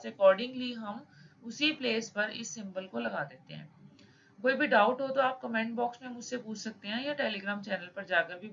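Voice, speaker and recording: A woman teaching a lesson, reading rules slowly and then explaining them casually. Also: on the high side, gravelly, fairly bright tone. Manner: reads English rules slowly, then explains in mixed Hindi-English. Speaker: shorthand teacher. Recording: slightly dull with faint noise.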